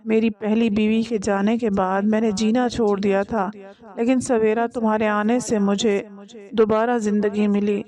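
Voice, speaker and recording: A woman's voice: mid-range voice, flat delivery, warm tone, natural voice. A woman reading the lines of an angry young husband in a spoken story, harsh and commanding. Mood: loving.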